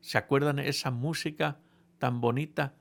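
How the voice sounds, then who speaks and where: A man preaching a sermon, telling a humorous story to his congregation in a playful, animated way with frequent restarts. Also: mid-range voice, normal speed, gravelly.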